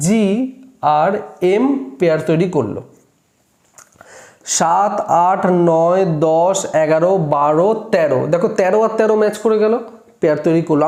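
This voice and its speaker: A man's voice: sits high, dark tone. A man teaching a class at a board, counting aloud step by step and checking his work. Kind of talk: classroom lesson. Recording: echoey room.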